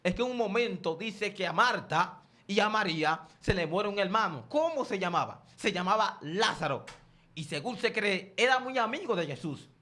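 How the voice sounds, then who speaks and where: A man with a high, bright, forceful voice preaches a sermon. He keeps asking his listeners questions and answers them himself. Now and then he calls on the congregation to say the words back to him. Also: expressive, moderate pace.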